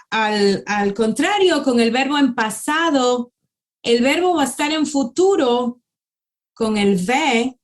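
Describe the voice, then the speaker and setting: Woman language teacher, somewhat high voice, patient step-by-step explainer, checks in often. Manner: slows down to sound out words. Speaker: Hebrew teacher. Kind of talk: conversational language lesson.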